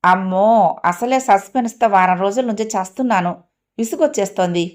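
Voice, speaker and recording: A woman voicing an excitable young woman, a younger sister who talks eagerly and fretfully in an audio story. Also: medium pitch, a little fast, close to an everyday voice.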